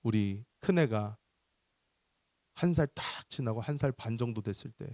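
A middle-aged male pastor giving a sermon in an animated storytelling manner. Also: medium pitch, moderate pace, no room sound. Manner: animated storytelling, acts out voices.

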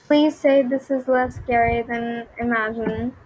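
A woman's voice: fairly high pitch, steady tone, measured pace, a little mellow, rough recording. A young woman giving nervous game commentary, repeating herself and reacting to jump scares. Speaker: gaming YouTuber.

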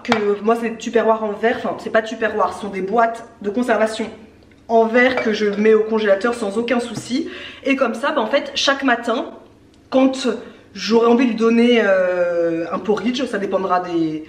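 A woman in her thirties in her home kitchen, chatting casually as she shows a breakfast recipe step by step, with many fillers. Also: fairly high pitch. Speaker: cooking vlogger. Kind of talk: casual cooking demonstration. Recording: echoey kitchen with faint noise.

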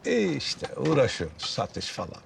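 A man's voice: medium pitch, huge pitch swings, normal speed, creaky, slight background noise, heavily acted. An actor playing a boastful, stubborn man in a comedy series who refuses to give up a jacket he bought secondhand. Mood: casual. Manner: brash, stubborn, laughs at others. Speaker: sitcom character.

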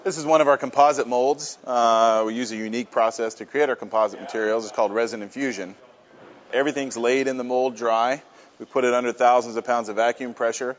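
A man's voice: mid-range voice, steady tone, brisk, dull audio. A man leading a casual walking tour of a workshop, friendly and plain-spoken with frequent fillers. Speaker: company tour guide. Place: workshop and offices, indoors.

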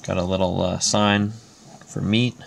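A man's voice: sits low, level tone, unhurried, gravelly. A man, a parent, casually showing his toy-brick model off camera, listing items with many fillers. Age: adult parent. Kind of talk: casual show-and-tell. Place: indoors at a table.

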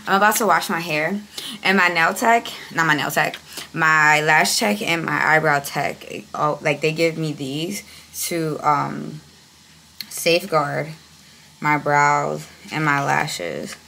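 Low and gravelly yet bright and sharp-edged, this young vlogger's hoarse voice comes with repeated throat-clearing as she chats to camera in a slangy, sassy, playful manner. There's slight background noise.

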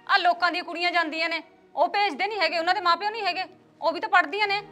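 Caring Punjabi village mother, played by a woman; persistent, pleading, high and quick. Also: steady tone, pushed and bright, soft background music. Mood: coaxing. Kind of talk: village drama acting.

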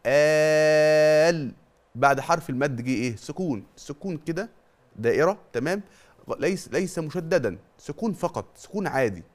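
A man's voice: fairly high pitch, sing-song, fairly quick. A middle-aged man with an Egyptian accent teaching a televised Quran tajweed lesson. He drills terms by question and answer and stretches out long vowels to demonstrate them. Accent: Egyptian Arabic.

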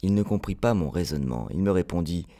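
A man narrating an audiobook in an expressive storytelling manner. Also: deep voice, fast talker. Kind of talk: audiobook reading.

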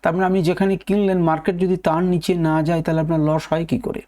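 A man's voice: high-pitched, little pitch movement, racing, warm tone. A middle-aged man teaching a lesson, emphatic, repeating key words and asking rhetorical questions. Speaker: trading teacher. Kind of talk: lecture video.

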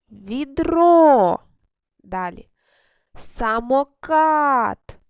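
A woman's voice: fairly high pitch, vocal fry, dry recording, studio quality. A woman teaching a recorded lesson to first graders. She asks the class questions, answers them herself, and stretches words out syllable by syllable. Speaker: primary school teacher.

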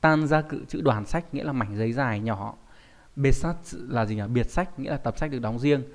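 A man, teaching kanji in an online lesson and often checking in with students through quick questions. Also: mid-range voice.

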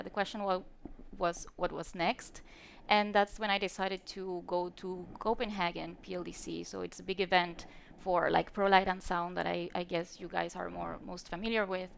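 Her voice mid-range and gravelly, a Venezuelan woman talks about lighting design at a conference, speaking hesitantly with lots of fillers and restarts. She uses a handheld mic on the stage of a lighting industry event, and a little hiss or hum can be heard.

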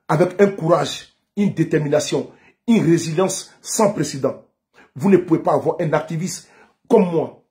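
Man, activist vlogger, defiant declamatory monologue, slightly high voice, recorded at home. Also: a little mellow. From Côte d'Ivoire. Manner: fiery declamatory, repeats phrases, frequent "n'est-ce pas". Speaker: political activist. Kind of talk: political monologue vlog.

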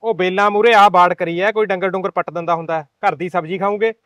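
A man's voice: high-pitched, fairly even intonation, fast, a bit bright, dry recording, studio quality. An actor playing a cocky, plotting husband who chuckles and coaches his wife on a scheme. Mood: smug. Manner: boastful, chuckling, coaxing. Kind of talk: amateur village short-film acting.

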